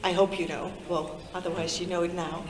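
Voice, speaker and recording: Slow, warm and chatty, a native Dutch speaker in her fifties addresses young people in a Lusaka meeting room, engaging them through questions. Her voice is fairly low with a flat delivery, and the recording is roomy with a noisy background.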